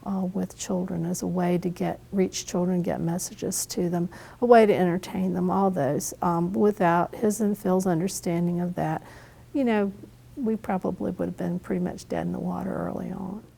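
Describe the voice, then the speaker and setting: A woman's voice: lowish voice, steady tone, normal speed, vocal fry, warm tone, slightly rough. A woman in an interview, explaining things in a thoughtful way. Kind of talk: documentary interview.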